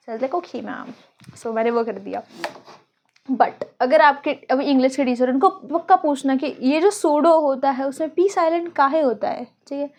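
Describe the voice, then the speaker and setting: A young woman teaching a biology lesson in a casual, joking way, thinking aloud and dictating notes slowly, from India. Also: high voice, a little mellow. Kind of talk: casual Hinglish classroom lecture.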